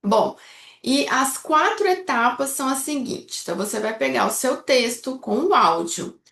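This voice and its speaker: A woman's voice: high-pitched, animated, moderate pace, gravelly, fairly bright tone. A woman from Brazil, an English teacher, explaining a speaking technique step by step and checking in often with her students. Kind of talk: instructional video lesson. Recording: echoey room.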